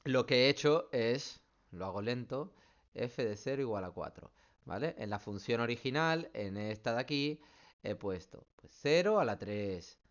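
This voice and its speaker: A man's voice: mid-range voice, expressive, unhurried, highs cut off. A man, a math teacher working through student questions in an online class, explaining step by step and checking in often. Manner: patient, explains step by step, keeps checking with "¿vale?".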